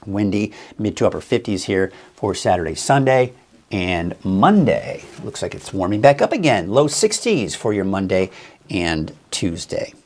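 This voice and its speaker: Male weather host, lowish and lively in pitch, loose and rambling live-stream delivery. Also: measured pace. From Northern California. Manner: chatty, rambling, thinks aloud with fillers. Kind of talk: casual live-stream forecast chat.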